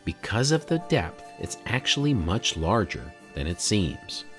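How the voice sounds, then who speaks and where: A man in his forties, the channel's host, narrating a documentary voice-over in a measured, explanatory way with rhetorical questions. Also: lowish voice, big pitch swings, soft background music. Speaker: drone videographer and channel host. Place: home studio room, indoors.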